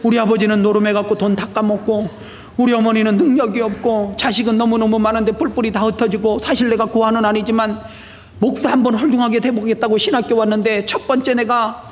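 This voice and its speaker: A male pastor preaching a sermon, telling stories with shouted prayers and rhetorical questions. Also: high voice, little pitch movement, fast, long reverb tail. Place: church sanctuary.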